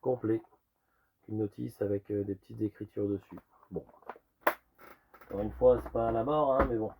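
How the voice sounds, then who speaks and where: A man with a low, rusty voice and a gravelly creak, hoarse as if getting over a long cough. He chats informally and loosely as he shows off collectibles, over slight background noise with clicks. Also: steady tone, normal speed, muffled recording. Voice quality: rusty, worn voice. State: hoarse from lingering cough and illness. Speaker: retro game collector presenting a sale. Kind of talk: casual show-and-tell video commentary.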